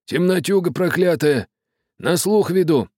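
A man voicing a gloomy, hoarse helmsman who mutters grimly. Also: on the high side, animated, measured pace, darkish tone, no room sound, clean studio sound, voice pushed up.

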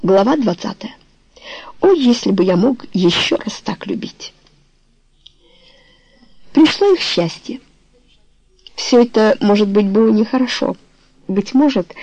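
Husky, creaky woman narrator. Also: mid-range voice, mellow, no echo. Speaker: audiobook narrator. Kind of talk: novel reading.

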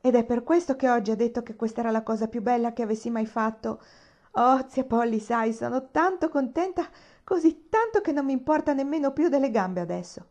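An eager, bubbly young girl, voiced by a woman reading aloud, bursting with happy exclamations and lifted higher than a grown voice. The tone stays mellow and soft-edged. The storybook recording is dull and lo-fi. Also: fairly quick. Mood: overjoyed. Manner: excited, exclamatory.

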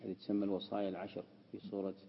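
A man's voice: sits low, monotone, racing, vocal fry, in a large hall, dull audio, slight background noise. A man teaching a classical text as a sheikh, explaining and repeating key words. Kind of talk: lesson explaining Quranic word usage.

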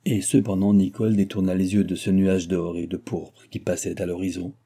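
A man narrates a classic novel in an even, literary storytelling manner. His voice is low-pitched, very dark and somewhat husky. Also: normal speed. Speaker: audiobook narrator. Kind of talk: scripted narration.

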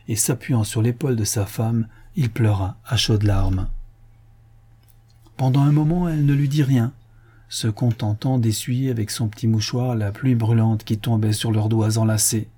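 A man narrating a classic novel as an audiobook reader, measured and even. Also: medium pitch, breathy edge. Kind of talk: scripted narration.

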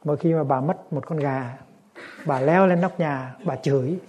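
Mellow-voiced monk giving a dharma talk. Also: male voice, on the high side, moderate pace, husky, muffled recording. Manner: gentle storytelling, lively when acting scenes. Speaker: Buddhist monk and teacher.

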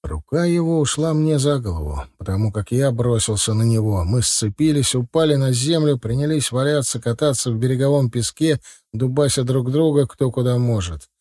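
A man reading a first-person audiobook in a steady, measured way. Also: medium pitch, no room sound, clean studio sound. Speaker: audiobook narrator.

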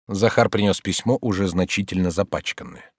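A man reading a classic novel aloud as an audiobook narrator, in an expressive, measured way. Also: low-pitched, slightly rough, no room sound, studio quality.

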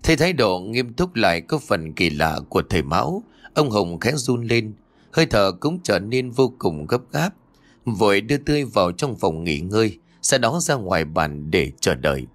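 A man narrating a ghost story audiobook in a steady, measured way. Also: lowish voice.

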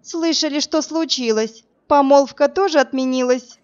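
A woman's voice: on the high side, sing-song, measured pace, dull audio. A woman voicing a snide female senior student in a storybook reading, taunting with fake sweetness. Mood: mocking.

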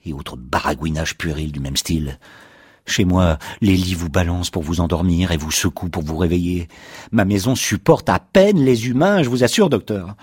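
Excitable defiant confessor, voiced by a man: low, husky, dry, bursts loud. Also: moderate pace, no echo. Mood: excited. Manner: excitable, sarcastic, swings to shouting. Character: agitated man confessing he killed his noisy house.

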